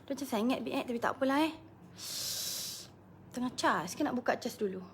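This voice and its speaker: A woman's voice: on the high side, animated, fairly quick, a little hiss or hum. A Malaysian woman business coach chatting casually on a live stream, greeting viewers by name and laughing often.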